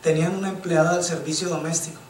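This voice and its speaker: A man preaches in a sermon, his voice pitched high for a man. He tells his stories with fervor and keeps addressing the congregation as brother. The recording is roomy and distant, with a faint hiss underneath. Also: steady tone, fast. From Colombia. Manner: impassioned storytelling, keeps addressing listeners as brother. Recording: echoey church sound from a distant mic.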